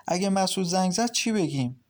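A man voicing a cheerful teenage schoolgirl who comforts her sister-in-law in a lively, reassuring way in an audiobook. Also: sits high, pitched above the performer's own voice.

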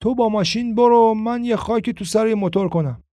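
A man's voice: sits high, mellow, no room sound, pitched above the performer's own voice, natural voice. A man voicing a loutish, street-tough young man in an audiobook story, talking in swaggering slang.

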